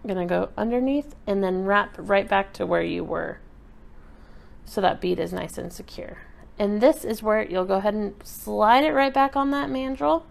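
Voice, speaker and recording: A woman talks through a step-by-step craft tutorial in an easy, chatty way as she works. Her voice sits at a middle pitch and has a gravelly edge. She sounds like she is at a table indoors. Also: moderate pace. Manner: relaxed, chatty explaining while working with her hands. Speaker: craft instructor.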